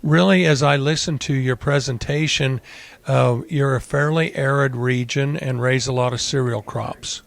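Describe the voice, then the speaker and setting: A man with a mid-pitched, noticeably creaky voice hosts a radio interview. He introduces and questions his guest in a conversational way. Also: fairly even intonation, normal speed. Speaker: host, interviewer.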